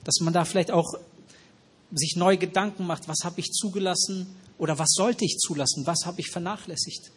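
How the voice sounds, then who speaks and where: Husky-voiced man preaching a sermon. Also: high-pitched, normal speed. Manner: asks the congregation questions and repeats their answers. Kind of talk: interactive sermon. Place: church hall with noisy ventilation.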